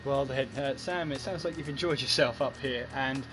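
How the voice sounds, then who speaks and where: A man's voice: medium pitch, moderate pace, over loud music. A man hosting esports race commentary, talking in a chatty, breathless way with frequent fillers. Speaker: lead commentator and host.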